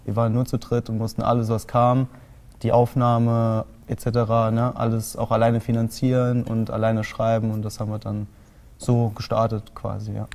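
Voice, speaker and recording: A young man from Saarland answers interview questions about his band at length, pausing on fillers as he goes. His voice is dark and mellow and stays quite level. The sound is that of a small TV studio. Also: mid-range voice, monotone. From Saarland, Germany. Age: 20s. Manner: long explanations with many fillers. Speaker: band guitarist. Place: small TV studio with colored lights.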